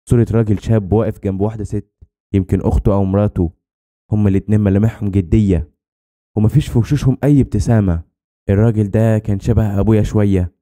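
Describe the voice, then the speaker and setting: A man with an Egyptian accent telling a scripted horror story in a brisk, tense way. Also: fairly low pitch, dark tone.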